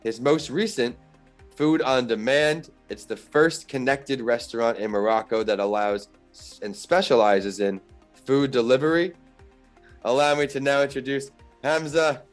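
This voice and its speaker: A man hosts an interview show, delivering a scripted introduction in a steady, announcer-like way before questioning his guest. Faint music plays behind him. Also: medium pitch, a little slow. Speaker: podcast host.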